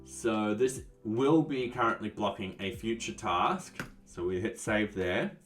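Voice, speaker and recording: Answering chat on a laid-back live coding stream, this man speaks in a fairly low pitch, a little slowly, his sentences often trailing off. His voice is distant and somewhat off-mic, and soft music sits in the background.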